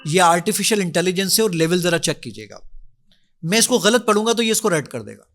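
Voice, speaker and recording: A man's voice: high-pitched, expressive, a bit bright. A man, a podcast guest demonstrating his app with energy and enthusiasm, acting out his own requests as he goes. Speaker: app founder giving a demonstration.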